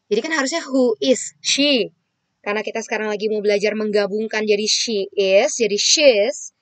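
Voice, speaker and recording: A woman's voice: mid-range voice, moderate pace, no room sound. Patient woman teaching kids. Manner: patient, explains step by step to kids, asks and answers her own questions. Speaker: primary school English teacher. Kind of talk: online children's lesson.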